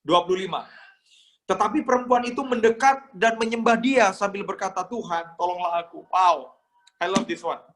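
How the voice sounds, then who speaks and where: A man's voice: high-pitched, moderate pace, fairly bright tone. A young man from Indonesia preaching a sermon, telling stories with strong emotion and acting out pleading voices. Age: young adult. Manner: emotional, dramatic storytelling, acts out pleading voices. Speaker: pastor.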